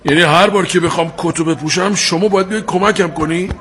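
An actor playing an indignant customer who shouts accusations at his tailor over a ruined suit. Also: sits high, fairly even intonation, a little hiss or hum. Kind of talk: television drama acting.

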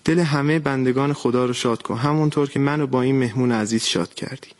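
A man reading the lines of a kind old grandmother cooking charity stew, in a gentle read-aloud storytelling manner. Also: mid-range voice, close to an everyday voice. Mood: kindly.

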